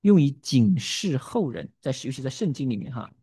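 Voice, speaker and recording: A middle-aged male pastor delivers an expository sermon with animated energy, pressing the congregation with rhetorical questions and tossing in the odd English word. His voice sits at an ordinary middle pitch. The recording is dry and close, with no room around it. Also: normal speed, slightly rough, dry recording. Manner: animated, rhetorical questions, tag particles, mixes in English words.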